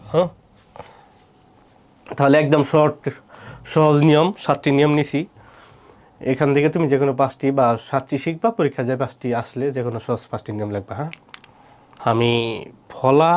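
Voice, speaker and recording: A man's voice: medium pitch, a little mellow. A man teaching an exam-prep lesson, asking questions and answering them himself, repeating each word twice. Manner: quizzing, answers his own questions, repeats words.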